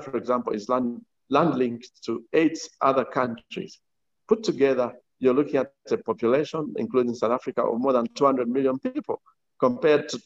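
A man speaks as an executive answering at a business town hall, formal and deliberate, often repeating words as he builds his point. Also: mid-range voice. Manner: measured, formal, deliberate, with halting repetitions. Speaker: tourism agency chief executive. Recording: dull, lo-fi online call audio.

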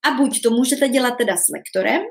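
A woman's voice: fairly high pitch, lively intonation, vocal fry. A woman giving a casual spoken lesson on pronunciation, chatty and often checking in with her listeners. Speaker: language teacher.

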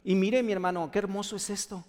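A man preaching a sermon as pastor, often halting and restarting, then building to loud, impassioned passages. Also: high voice, steady tone. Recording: long hall reverb.

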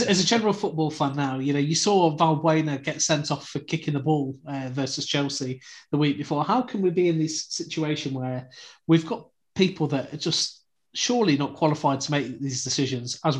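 A man with a fairly high voice runs a fan football podcast, chatty and quick to tease his guests. He steers the talk with pointed questions. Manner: chatty, leading questions, teasing. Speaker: podcast host.

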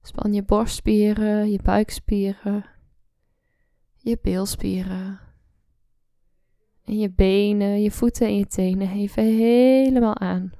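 A woman guiding a relaxation meditation, speaking slowly and softly, often in a whisper, close to the mic. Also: mid-range voice, no room sound. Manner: slow soft-spoken, often whispering. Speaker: meditation guide.

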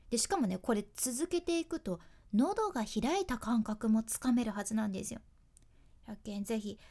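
Lively high-voiced woman with a Hakata accent. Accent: Hakata dialect. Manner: chatty and friendly, explaining step by step with dialect phrases. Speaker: radio host and voice coach. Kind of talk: talk-radio voice lesson.

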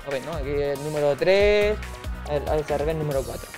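A man's voice: fairly high pitch, brisk. A man hosting a casual podcast, announcing a game section in a loose, filler-heavy way. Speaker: podcast host. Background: music.

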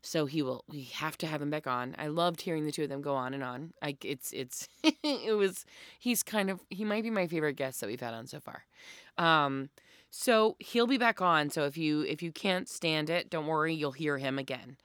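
A woman's voice: sits low, expressive, normal speed, fairly bright tone, no echo, clean studio sound. A woman co-hosting a podcast in a casual, self-deprecating, chatty way. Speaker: podcast co-host.

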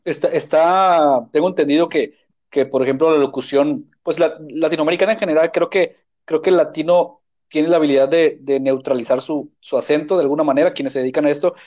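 A man's voice: on the high side, steady tone, a little fast, a little mellow, lo-fi sound. A man hosting a casual talk show, asking long rambling questions. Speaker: host.

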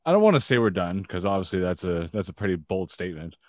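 A man co-hosting a casual sports podcast who talks in an animated way and keeps saying "you know what I'm saying". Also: low-pitched, fast talker, dry recording, clean studio sound. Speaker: podcast co-host.

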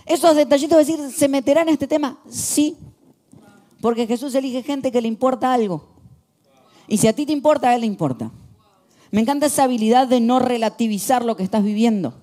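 A young man with a Rioplatense Spanish accent preaching a sermon, telling stories with lively shifts from hushed to emphatic. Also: very high-pitched, brisk. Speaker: pastor.

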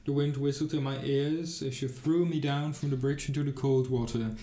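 A man reading aloud and voicing a cunning little peasant who spins a tall tale, sly and lively, in a roomy-sounding space. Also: medium pitch, moderate pace, close to an everyday voice.

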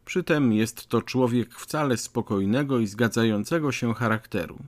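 A man narrating an audiobook in a measured, wryly ironic way. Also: mid-range voice, no echo.

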